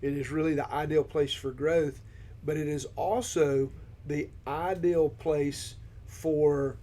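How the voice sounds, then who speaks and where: A man on a ministry team who guides a podcast discussion, affirming his partner and posing questions in a steady manner. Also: on the high side, slow pace. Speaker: discipleship ministry team member leading the discussion.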